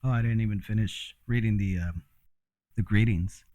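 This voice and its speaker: A man's voice: on the low side, moderate pace, warm tone. A man who grew up in Mexico, talking in a rambling, frank casual monologue with frequent fillers and the odd curse. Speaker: host.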